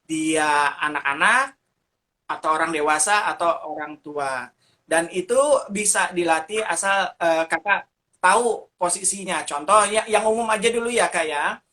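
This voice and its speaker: A man's voice: high-pitched, pushed and bright. A man answering interview questions as a teacher of puppet ministry, talking animatedly and showing how to do voices as he explains.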